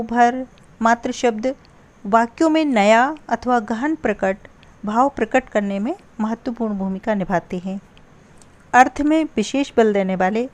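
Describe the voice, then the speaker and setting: A young woman teaching a grammar lesson, spelling out examples word by word and drawing out the exclamations. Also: a little high. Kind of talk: slow, deliberate grammar lesson.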